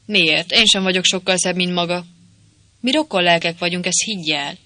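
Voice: mid-range voice, sharp tone, no echo, close to an everyday voice. A reader voicing a pushy male dance master in the legion who talks in a secretive, whispering way. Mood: conspiratorial.

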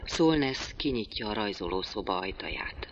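A man reading a play's stage directions aloud in a quiet, subdued way. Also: lowish voice, lively intonation, muffled recording, slight background noise. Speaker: reader.

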